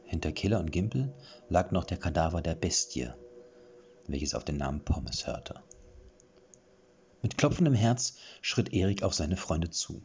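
Deep, expressive male storybook narrator, lively pitch, dull lo-fi recording. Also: measured pace, pauses often, slight background noise. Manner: expressive, acts out dialogue.

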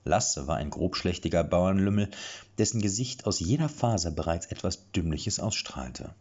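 Brief: male audiobook narrator, very lively melody, playful delivery. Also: sits low, normal speed. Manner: expressive, playful storytelling. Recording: dull lo-fi recording.

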